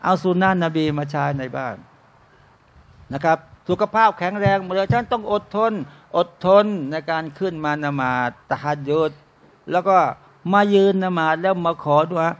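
High-voiced man preaching to a crowd. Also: normal speed. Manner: keeps calling out to listeners as brothers and sisters, asks rhetorical questions; jokey and conversational, acts out short everyday scenes. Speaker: Islamic religious teacher. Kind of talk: informal sermon to a live audience. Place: restaurant used as a talk venue.

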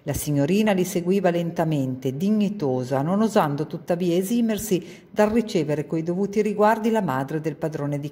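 A woman reading a children's book aloud in a calm, measured storytelling manner. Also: on the low side, in a large hall. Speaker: reader.

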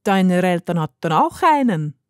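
Storybook grandpa, voiced by a woman: old, kindly, knowing, low and unhurried, dry close recording. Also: sing-song, clean tone, dry recording. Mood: gentle. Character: wise, warm old grandfather.

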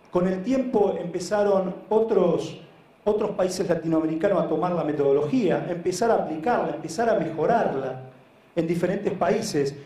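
An echoey room carries the live, informal conference talk of a Buenos Aires man who heads a social sports foundation in Argentina. His voice sits high and warm, and his storytelling is earnest and emphatic, with words often repeated and regular check-ins with the audience.

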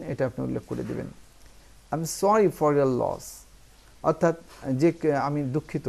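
A man from Bangladesh giving a spoken English lesson, his voice gravelly and slightly high. He explains each phrase patiently in Bengali, then reads the English lines slowly and deliberately, with frequent hesitant fillers. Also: a little mellow. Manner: frequent "ah" fillers, asks "ঠিক আছে?". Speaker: English teacher.

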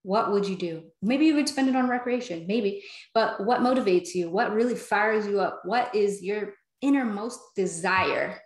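A woman's voice: mid-range voice, normal speed, hardly any pauses, reverberant. A woman giving an upbeat sales training talk, chatting casually and acting out both sides of sample conversations. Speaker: network marketing trainer.

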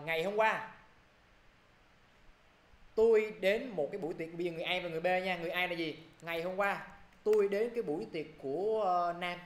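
A man with a Southern Vietnamese accent teaching an English grammar lesson. He talks briskly and keeps checking in with his students. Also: high-pitched, echoey room.

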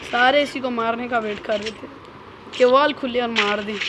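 A woman streamer giving excited gameplay commentary, teasing teammates and shouting quick calls. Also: fairly high pitch. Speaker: gaming streamer. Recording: noisy game stream audio.

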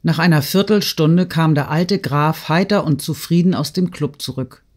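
A man narrating a classic novel audiobook in a measured, literary reading. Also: a little high, darkish tone. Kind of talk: scripted narration.

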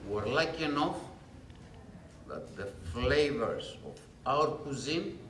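A man's voice: mid-range voice, animated, slow, fairly bright tone. A middle-aged man born in Greece, a chef speaking on a panel at a trade event. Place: large restaurant function room. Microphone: table mic on a stand, camera at a distance. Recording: roomy, distant, faint room noise.

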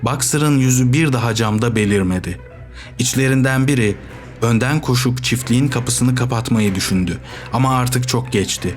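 A man's voice: mid-range voice, soft background music. Man narrating an audiobook. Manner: steady, measured storytelling. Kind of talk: scripted narration.

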